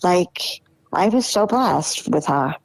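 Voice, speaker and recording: A woman in her sixties talks casually as a podcast guest, in a fairly low voice. She is chatty, loops back on the same phrases and trails off mid-thought. The recording is dry and close. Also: lively intonation, takes it slowly, dry recording, rough recording. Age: 60s. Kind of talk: casual conversation.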